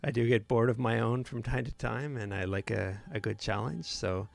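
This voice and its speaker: A man's voice: medium pitch, fairly even intonation, moderate pace, vocal fry. A man hosting a live photo editing tutorial, talking casually with many fillers and restarts.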